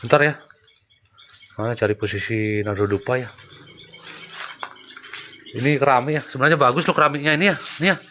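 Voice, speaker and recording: Male vlogger exploring spooky places, forceful bright tone, repetitive casual remarks, slight outdoor noise. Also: medium pitch, a little fast, pauses often. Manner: repetitive, exclaiming. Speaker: ghost-hunting vlogger.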